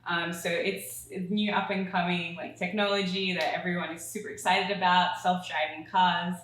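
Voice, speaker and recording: A woman's voice: fairly low pitch, level tone, normal speed, fairly bright tone, very echoey, a little hiss or hum, rough recording. A young woman with an Australian accent, chatting as an interview guest and laughing often. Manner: giggly, chatty. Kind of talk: casual interview.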